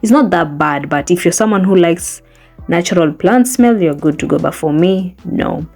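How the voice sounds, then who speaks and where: A young hair care vlogger, a native Swahili speaker, talks in a mellow, slightly low, expressive voice at a moderate pace from a small bedroom, with faint music underneath. Her casual, earnest how-to chat to camera keeps coaxing viewers along with friendly check-ins.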